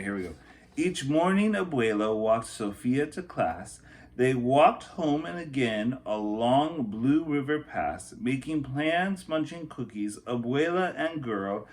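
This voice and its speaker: With a mid-range voice, a man who teaches reads a picture book to kids. He puts emphatic expression into the story and drops into softer, conversational asides.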